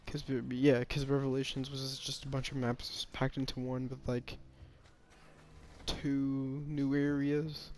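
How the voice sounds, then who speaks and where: A man's voice: medium pitch, completely flat delivery, slow pace, darkish tone. A man giving a casual, rambling opinion monologue about a game, often hesitating, restarting and sighing.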